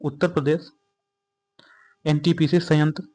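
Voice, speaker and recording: A man's voice: a little high, level tone, a little slow, a little mellow. A young man, an exam-prep teacher, steadily explains each question and restates the correct answer.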